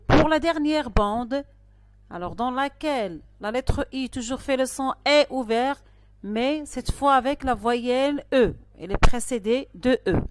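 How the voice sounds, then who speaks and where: A woman teaching a primary school spelling lesson, speaking slowly and carefully with pauses between phrases. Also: high-pitched. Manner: slow, careful dictation-style delivery with pauses. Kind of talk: recorded online lesson.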